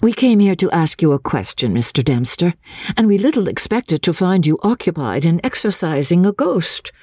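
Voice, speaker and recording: Brisk good-humoured gentlewoman in a storybook, voiced by the narrator; forthright, lively, dry close sound. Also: medium pitch, dry recording, pitched above the performer's own voice. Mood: brisk polite. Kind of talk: audiobook character voice.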